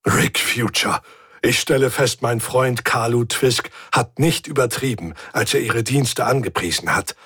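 A man voicing an enthusiastic four-legged alien antique dealer who murmurs slowly and sounds enraptured. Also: mid-range voice, a bit bright, husky, no room sound, studio quality, exaggerated voice.

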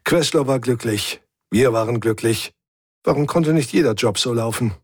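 Husky male audiobook narrator. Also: mid-range voice, moderate pace, no echo, clean studio sound. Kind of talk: scripted first-person science-fiction narration.

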